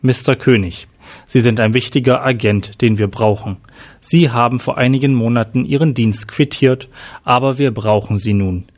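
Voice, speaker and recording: A man's voice: mid-range voice, normal speed, lightly acted. A man voicing a mysterious official who formally and insistently recruits an agent by phone.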